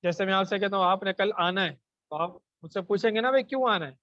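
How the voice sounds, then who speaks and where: A man with a Pakistani Urdu accent teaching a Quranic grammar lesson into a microphone. He recites Arabic verses slowly, then explains them, and asks the class questions that he answers himself. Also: sits high, pushed and bright, no room sound, highs cut off.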